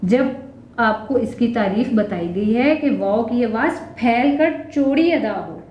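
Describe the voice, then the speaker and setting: Female teacher, Pakistani Urdu accent, higher voice, patient drawn-out spelling, echoey lo-fi room. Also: animated. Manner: slow, drawn-out word-by-word spelling. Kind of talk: children's reading lesson. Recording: echoey room, dull lo-fi audio.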